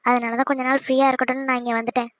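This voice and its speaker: A woman voicing a cheeky young daughter in a cartoon, quick, pleading and exasperated. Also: high voice, little pitch movement, no echo, lightly acted. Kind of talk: cartoon voice acting.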